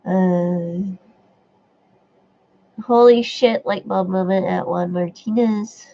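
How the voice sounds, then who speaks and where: A woman's voice: lowish voice, steady tone, slow pace, creaky, warm tone. A woman hosting a casual live stream, reading viewer comments aloud and chatting back, with a stuffy nose. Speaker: livestream host reading chat. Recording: dull lo-fi stream audio.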